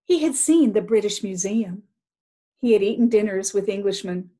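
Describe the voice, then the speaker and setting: A woman reads a children's picture book aloud, storytelling expressively. Her pitch is medium and her speed normal.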